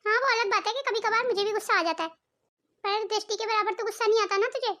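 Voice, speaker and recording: A very high, quick, cartoonish voice: a woman doing an older mother-in-law who frets about family peace. She scolds and soothes in the same breath. She sounds motherly and worried. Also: sharp tone. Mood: confiding. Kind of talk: cartoon family drama voice acting.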